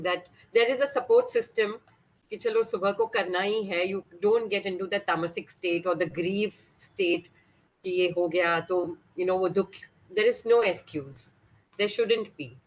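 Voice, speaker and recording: A woman's voice: medium pitch, lo-fi sound. A middle-aged woman, sharing informally in a group session and slipping between English and Hindi.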